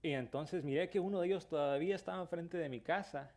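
A man delivers a sermon with earnest conviction, pressing his listeners with questions. His voice sits a little high for a man, and he moves easily into a plain storytelling tone. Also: fast, a little mellow. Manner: earnest preaching, rising to emphatic questions, then storytelling. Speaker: pastor.

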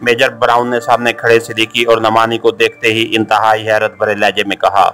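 A man narrating a novel as an audiobook in a steady storytelling manner. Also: fairly low pitch, a little fast. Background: soft background music.

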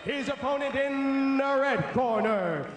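High-pitched, echoing male ring announcer. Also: expressive, some chatter behind. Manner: drawn-out, theatrical delivery. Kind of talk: formal bilingual fight introductions. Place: large indoor arena. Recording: echoey arena PA, distant, faint noise.

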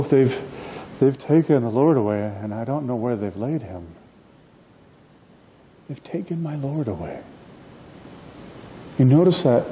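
A middle-aged man preaching a sermon from a church platform, expressive and gesturing, often restarting his phrases. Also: medium pitch, slight background noise. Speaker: pastor. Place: church platform indoors, livestreamed.

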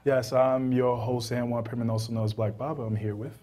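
A man's voice: medium pitch, steady tone, fairly quick. A man hosting a live show, making announcements in a playful, laughing, announcer-like way. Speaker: host. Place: live event with audience. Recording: loud crowd and background noise.

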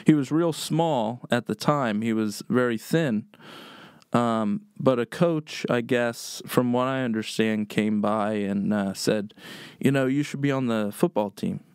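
This is casual storytelling from a chef out of Pennsylvania, guesting on a podcast and wandering through family tales with plenty of "um"s, like a relaxed raconteur. He has a medium-pitched, slightly mellow, clean voice and takes his time. It's a studio-grade recording with no audible room.

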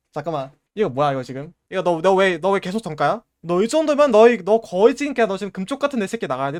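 A man's voice: high voice, no room sound. A man streaming a game, giving casual running commentary and playfully scolding his in-game item like a parent.

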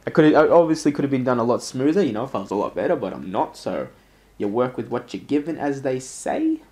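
A man's voice: mid-range voice, big pitch swings, fast talker, a little mellow. A man hosting casual gameplay commentary in a sweary, self-deprecating way. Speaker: gaming host.

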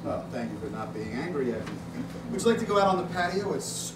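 A man's voice: medium pitch, sing-song, fast talker, close to an everyday voice. An older man acting a wry, cautious yet defiant character in a staged play reading, heard in a theatre. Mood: wry, wary. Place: small stage in a club theatre before an audience. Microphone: distant audience camera. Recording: noisy, echoey theatre recording from far off.

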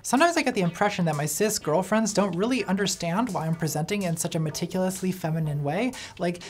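Woman host, scripted commentary read, sardonic and theatrical, lower register, light music bed. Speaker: video essayist host.

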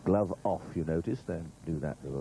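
Deep, dark-voiced male golf commentator. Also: fairly quick, gravelly. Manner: rambling, humorous asides. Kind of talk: live golf commentary, conversational. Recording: noisy old TV broadcast audio.

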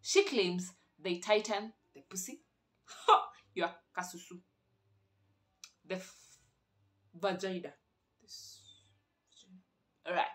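Bright-voiced Kenyan woman vlogging. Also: lowish voice, takes it slowly, pauses often. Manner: playful, teasing, chatty, switching between languages mid-sentence. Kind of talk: casual chat.

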